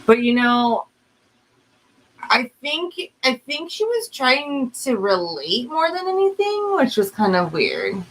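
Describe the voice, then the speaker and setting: Woman just chatting, voice jumps around a lot, expressive. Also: high-pitched, takes it slowly, a little hiss or hum, rough recording. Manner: expressive, drops in quoted voices. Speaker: podcast co-host. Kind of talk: casual chat.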